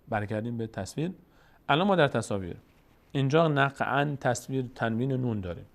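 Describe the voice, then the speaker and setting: Man with tajik accent, recitation teacher, patient, drawn-out demonstration words, explanatory lesson. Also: medium pitch. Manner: patient, repeats words slowly to demonstrate pronunciation.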